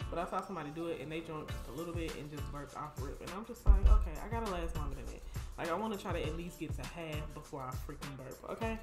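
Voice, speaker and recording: A woman's voice: low voice, expressive, quick pace. Casting: American woman, chatty, informal online host talking straight to viewers, roomy sound over music. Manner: informal, slangy, chatty direct address. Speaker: host of a video channel. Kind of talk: casual challenge vlog addressed to viewers. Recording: echoey room with music behind.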